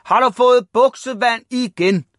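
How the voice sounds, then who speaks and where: A man voicing a loud, blustering, gruff father who shouts at his son. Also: very high voice, dry recording, clean studio sound, pitched above the performer's own voice. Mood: shouting. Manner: shouting, table-banging bluster.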